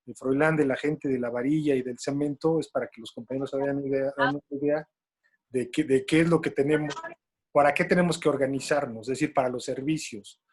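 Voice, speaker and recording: A man's voice: medium pitch, fairly even intonation, brisk, breathy edge. A man with a Mexican accent moderates a panel talk in a loose, colloquial way and tells stories along the way. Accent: Mexican Spanish.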